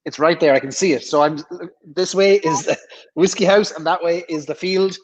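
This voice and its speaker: A man's voice: on the high side, moderate pace, low-quality recording. A man hosting a casual livestream, chatting at ease and reading out viewer questions. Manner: relaxed, reads viewer questions aloud. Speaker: livestream host.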